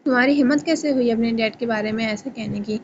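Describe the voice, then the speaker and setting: A woman reading the lines of a gentle mother pleading with her grown son in a novel reading. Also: a little high, highs cut off, a little hiss or hum, close to an everyday voice.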